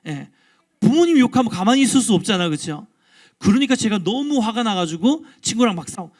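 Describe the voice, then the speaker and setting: High-voiced pastor telling a lively story. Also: male voice, brisk. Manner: lively, interactive, asks the congregation questions. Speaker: guest pastor. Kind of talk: all-ages sermon with storytelling.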